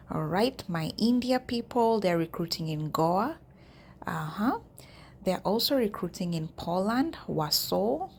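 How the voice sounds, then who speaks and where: A woman vlogger with a lowish, gravelly voice chats straight to her viewers. Her talk is casual and direct as she walks through listings. A faint hiss of noise sits under the recording. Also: a little mellow. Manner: chatty, addresses viewers directly. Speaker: YouTube vlogger. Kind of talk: casual walkthrough of job listings.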